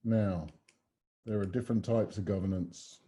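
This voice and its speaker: A man presents a business webinar, his voice low and deeply mellow. He talks emphatically and paints ideas with vivid metaphors. He is heard over a video call microphone. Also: steady tone, normal speed. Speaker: webinar host and consultant.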